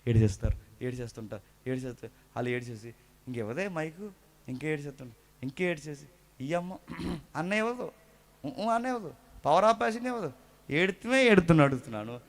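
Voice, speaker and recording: A man preaching a sermon with animated delivery, firing rhetorical questions and mimicking churchgoers. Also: on the high side, brisk.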